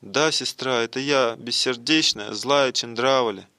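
A man's voice: mid-range voice, a little slow, pushed and bright, dry recording. A man voicing a humble, remorseful young woman in a devotional play, speaking tenderly and pleadingly.

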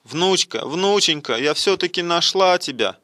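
A man's voice: high voice, animated, measured pace, bright, forceful tone, no room sound, clean studio sound, pitched above the performer's own voice, heavily acted. A man voicing a doting elderly grandmother in a devotional play, eager and fond. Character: fussing old grandmother Mukara.

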